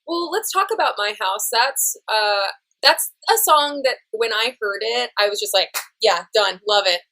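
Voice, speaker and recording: Brief: upbeat American woman host, slightly high voice, eager and chatty with guests. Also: animated, normal speed, pushed and bright. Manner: bubbly, enthusiastic, laughs often. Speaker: interview host. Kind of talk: casual interview chat.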